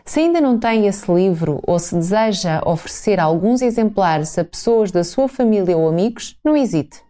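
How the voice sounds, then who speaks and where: A woman's voice: medium pitch, expressive, normal speed, warm tone. A woman with a European Portuguese accent hosting a radio programme, interviewing and presenting in a prepared style. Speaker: radio host.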